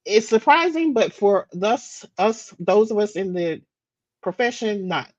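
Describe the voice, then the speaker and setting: A woman's voice: medium pitch, lively intonation, measured pace, dry recording, muffled recording. A woman from the United States presenting daily facts in a casual live-stream chat, talking freely with restarts and fillers. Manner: chatty, with frequent restarts and fillers.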